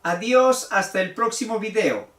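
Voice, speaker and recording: Slow, deliberate man teaching Spanish grammar. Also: high voice, animated, fairly bright tone. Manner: deliberate, carefully enunciates example words. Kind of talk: slow explanatory grammar lesson. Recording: roomy echo from a distant mic.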